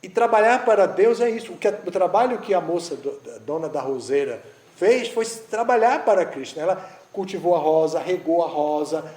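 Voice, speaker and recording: At an eco-village gathering, a male spiritual teacher tells a story in a devotional talk, speaking a little fast with hardly any pauses. His high-pitched voice has a darkish tone, and he frequently restarts his phrasing in this conversational style. The large room gives the audio a noticeable echo.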